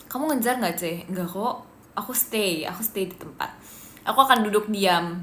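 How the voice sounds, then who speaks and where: A woman's voice: fairly high pitch, fairly bright tone. A young Indonesian woman hosting a casual livestream, reading viewer comments and answering in a playful, teasing way, with bits of English mixed in. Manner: playful, teasing, giggly, drops in English phrases. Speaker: idol livestream host. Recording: echoey room with faint noise.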